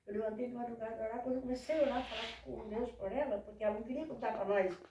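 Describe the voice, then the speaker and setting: A woman's voice: a little high, fairly even intonation, very fast, noisy background. Older woman telling her story, roomy. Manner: devout, retells prayers and quotes elders. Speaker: interviewee. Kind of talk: casual life-story telling. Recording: echoey room from far off.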